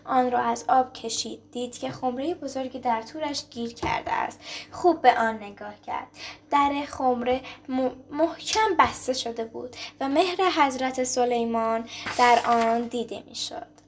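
High-voiced woman reading a folk tale. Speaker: storyteller. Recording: clear background noise.

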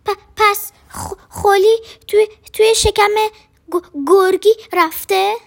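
A woman voicing a small timid young donkey who stammers and squeals in a high, excited voice. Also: full character voice. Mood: frightened.

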